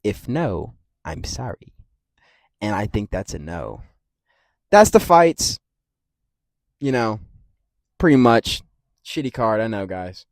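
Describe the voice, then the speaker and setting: A man hosting a casual fight-prediction rant, rambling and swearing freely, with big jumps in loudness. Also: on the low side, big pitch swings, slow, long pauses, no room sound, studio quality. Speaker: MMA commentary channel host.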